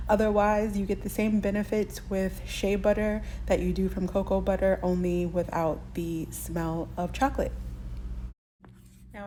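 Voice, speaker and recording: A woman's voice: medium pitch, darkish tone, slight background noise. A woman hosting a shopping channel who explains how to say tricky words in a chatty way, laughing lightly now and then. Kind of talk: casual explanatory lesson.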